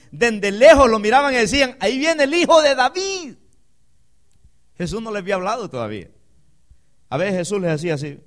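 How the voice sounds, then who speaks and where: A man preaching a sermon, calling the congregation "hermano", swinging between loud emphatic declarations and quiet, low asides. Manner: addresses the congregation as "hermano" with call-and-response questions.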